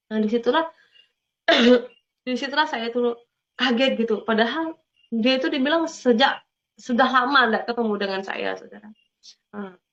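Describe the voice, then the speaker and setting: A woman's voice: a little high, gravelly, a bit bright. A woman gives an emotional personal testimony. She tells her story earnestly and often turns to her listeners as brothers and sisters. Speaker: testimony speaker. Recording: dull lo-fi recording.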